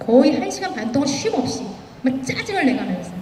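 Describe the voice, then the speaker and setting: A woman's voice: high-pitched, very animated, quick pace, a little mellow, a little hiss or hum. A woman guest speaker telling anecdotes on stage and acting out the quoted dialogue. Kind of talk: motivational stage speech with anecdotes. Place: large event hall. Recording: echoey hall, far from the mic.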